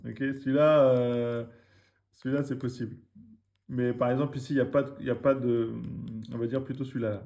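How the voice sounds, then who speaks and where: A man teaching a reading lesson, slowly drilling words syllable by syllable, with quick asides in between. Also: mid-range voice, level tone, mellow. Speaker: Arabic teacher.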